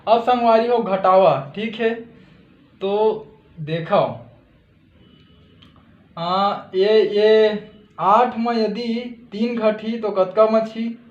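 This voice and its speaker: A man's voice: high-pitched, extremely slow, long pauses. A man with a Chhattisgarhi accent explains a math lesson step by step, checking in with listeners after each step. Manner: steady step-by-step explaining, frequent "theek hai" checks. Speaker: math teacher. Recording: echoey room, dull lo-fi audio.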